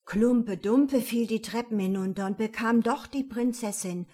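A woman's voice: fairly high pitch, measured pace, a little mellow. A woman voicing a naive young fir tree in a fairy tale, asking earnest, wondering questions.

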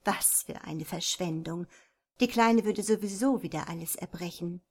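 A woman reading a romance novel aloud in a measured, even storytelling voice. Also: fairly low pitch. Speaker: narrator. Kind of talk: scripted audiobook narration.

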